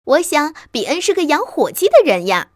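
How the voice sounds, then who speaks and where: A woman's voice: sits high, very animated, normal speed, dry recording, studio quality, pitched above the performer's own voice. A woman doing an eager little fox cub. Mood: curious. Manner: eager and breathless. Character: excitable smallest fox cub, young and eager.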